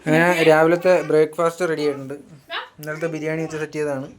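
A man's voice: a little high, flat delivery, very fast, noisy background. A man talking casually in a family vlog, commenting on what he sees around the house. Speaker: family vlogger. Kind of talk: casual home vlog chat.

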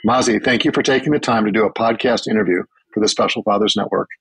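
A man hosting a podcast, reading his intro in a measured, announcer-like way and asking interview questions. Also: lowish voice, a bit bright, slightly rough, rough recording. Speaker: podcast host.

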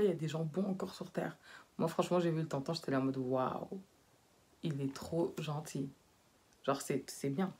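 A woman's voice: low-pitched, husky. A young woman, chatting playfully in a casual vlog and slipping English words in. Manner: playful, mixes in English words, swings from loud teasing to quiet talk. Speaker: vlogger.

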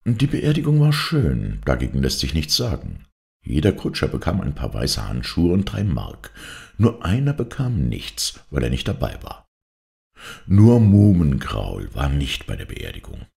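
A man reading a grotesque short story aloud as narrator, telling it expressively with dramatic pauses. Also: extremely low pitch, wildly swooping pitch, creaky, darkish tone. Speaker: story reader. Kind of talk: scripted narration.

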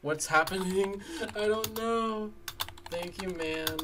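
A game streamer reacting live during gameplay, emotional and swinging from soft murmurs to excited yelling. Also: mid-range voice, takes it slowly, background noise.

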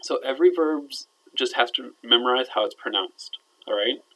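In a recorded lecture with poor audio, an Arabic teacher walks his students through verb grammar. His mid-range voice moves at a normal speed, and he often checks in with "all right?" while his phrases trail off quietly at the ends.

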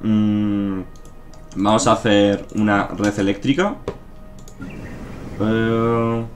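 This streamer's voice sits on the low side, and he talks very slowly. With a Spain Spanish accent, he casually narrates his gameplay, musing aloud with fillers, swearing and joking over faint game music.

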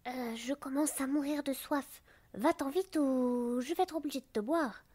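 A woman's voice: high-pitched, big pitch swings, moderate pace, a little mellow, voice pushed up. Woman putting on a bossy anemone flower. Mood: curt. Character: bossy female anemone flower, curt and sleepy. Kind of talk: storybook reading.

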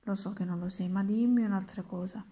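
A woman voicing an impatient old male wizard who teaches maths, in brisk exclamations. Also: mid-range voice, steady tone, dark tone, husky, natural voice.

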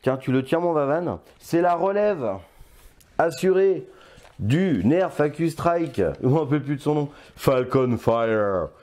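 An older man with a mellow, somewhat high voice reviews a toy blaster at an unhurried pace. His talk is casual, chatty and playful, broken up by frequent hesitations.

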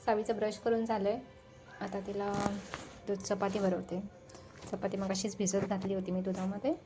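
A young woman filming a home vlog. She narrates her toddler's morning in a soft voice and switches to high, sing-song baby talk when she speaks to the child. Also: level tone, moderate pace, over music.

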